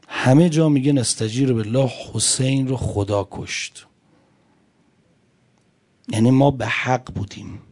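A male preacher giving a religious sermon, telling a story and speaking straight to his listeners, moving between loud emphatic lines and quiet ones. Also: mid-range voice, gravelly.

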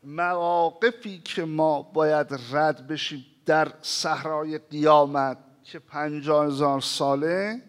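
A man preaching a sermon who recites scripture slowly and asks the listeners rhetorical questions, swinging between loud emphasis and hushed pauses. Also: a little high, steady tone, clear, resonant tone. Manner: recites Arabic scripture in a slow chanting cadence, then explains it.

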